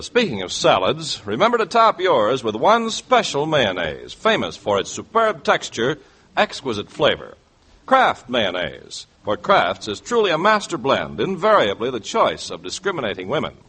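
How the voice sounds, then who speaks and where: An American radio announcer reads scripted 1940s advertising with polished salesmanship and deliberate emphasis. His mid-range voice is a bit bright with a breathy edge, heard in a vintage broadcast recording.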